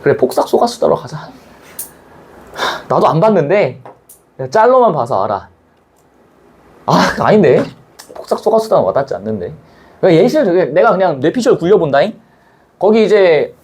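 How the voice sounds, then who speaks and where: Animated high-voiced male teacher. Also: slightly rough. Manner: animated, chatty, acts out scenes, blunt slang. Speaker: Korean language teacher. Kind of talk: casual classroom lecture.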